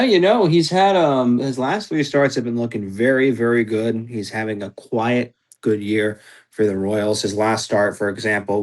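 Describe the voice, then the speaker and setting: A man's voice: lowish voice, a little mellow. A young man co-hosting a baseball podcast, talking casually with lots of fillers and playfully ribbing his co-host. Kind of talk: casual sports podcast chat.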